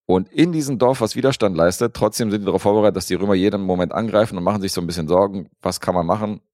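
A man co-hosting a podcast, reviewing a film in a relaxed, rambling way with lots of fillers. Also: on the low side, very fast, no echo, clean studio sound. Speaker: podcast co-host reviewing films. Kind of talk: casual chat.

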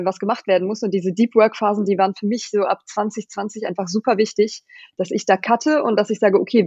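A woman's voice: mid-range voice, darkish tone, breathy edge, no room sound, lo-fi sound. A woman from Germany, a company founder, talking through her work habits in a casual interview, with frequent fillers and restarts. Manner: thoughtful, many fillers and restarts.

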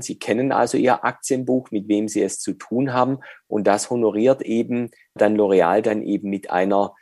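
A man explaining dividends and withholding tax as an interview guest, measured and with frequent hesitations. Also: fairly low pitch, gravelly, a little mellow, dry recording, studio quality.

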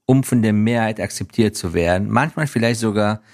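An Afghan man with a low voice speaks as an interview guest and business professional. His manner is earnest and reflective, and his sentences stop and restart while he looks for the next phrase. He talks fairly quickly, with a slightly mellow quality.

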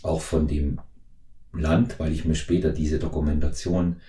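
A man in his fifties hosts a relaxed interview, pausing often and filling gaps with small hesitations. His voice sits very low and sounds mellow and dark. The room adds a clear echo around him. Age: 50s. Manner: hesitant, many fillers and restarts. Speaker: podcast host. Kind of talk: conversational interview.

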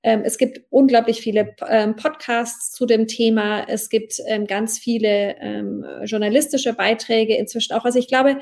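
Eine Frau mit deutschem Akzent, die als Expertin in einem Interview spontan und erklärend antwortet, mit vielen „ähm“. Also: female voice, on the high side, fairly even intonation, moderate pace, few pauses, a little mellow. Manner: many fillers, explanatory and thoughtful. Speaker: blockchain expert guest.

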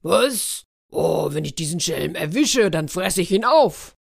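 A woman voicing a gullible, blustering male wolf who speaks loudly and indignantly. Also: fairly low pitch, expressive, normal speed, vocal fry.

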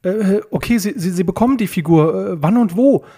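A high, breathless voice of a panicky young man who stammers and blurts out his worries, as a man plays him. The tone is husky and keeps climbing. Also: expressive, brisk, mellow, exaggerated voice. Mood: anxious. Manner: frantic, stammering. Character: panicky young man, excitable and guilt-ridden. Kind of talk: audiobook reading.

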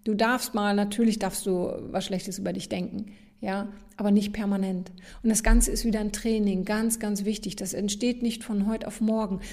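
A woman hosting a motivational podcast, speaking straight to the listener in an encouraging way and often checking in with a quick "ja?". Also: medium pitch, level tone, a little mellow. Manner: encouraging, addresses listener directly, frequent "ja?" tags. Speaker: podcast host, motivational coach.

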